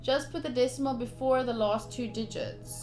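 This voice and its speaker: Over music, a young woman streams a game playthrough, reading the on-screen text aloud with expression and tossing in chatty asides between the narration. Her voice is fairly high and her pace moderate.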